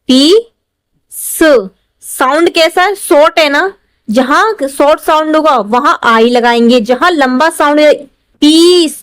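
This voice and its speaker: A woman's voice: high-pitched, no echo. A woman, an English teacher patiently spelling out words syllable by syllable in a lesson. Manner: patient, explanatory, repeats and stretches syllables. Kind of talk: slow step-by-step spelling lesson.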